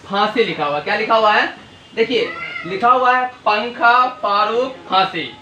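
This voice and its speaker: A man with a high, sharp-toned voice speaks unhurriedly while teaching a language lesson at a whiteboard, posing questions and answering them himself in call-and-response fashion. The room is echoey, with a faint hiss on the recording.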